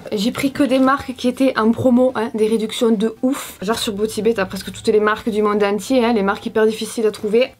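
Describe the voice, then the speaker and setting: A young woman from France chatting excitedly through a makeup haul, bubbly and playful with lots of asides. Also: fairly high pitch, a little fast, hardly any pauses. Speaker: beauty vlogger. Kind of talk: casual haul vlog.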